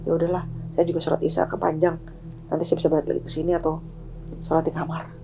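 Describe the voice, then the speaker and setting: A woman voicing a calm, weary middle-aged husband who speaks low and soothingly. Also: fast talker, creaky, music in the background, poor audio. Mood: hushed.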